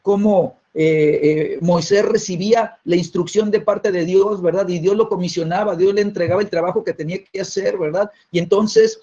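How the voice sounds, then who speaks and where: A man delivers a teaching sermon in a husky voice that sits a little high for a man. He keeps checking in with short tag questions and repeats words as he restarts his phrases. The recording is muffled and lo-fi. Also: steady tone, moderate pace, few pauses, dark tone. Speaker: preacher. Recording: dull lo-fi recording.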